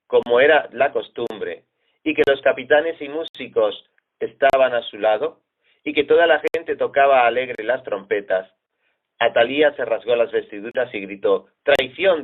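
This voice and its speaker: Spanish man, mid-pitched, measured Bible reading, phone-quality audio. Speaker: Bible reader. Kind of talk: steady scripture reading.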